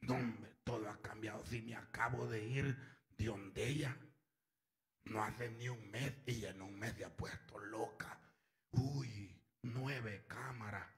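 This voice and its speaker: A man voicing a sneaky male thief who mutters to himself in a hushed, half-whispered way. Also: lowish voice, takes it slowly, pitched below the performer's own voice. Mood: grumbling.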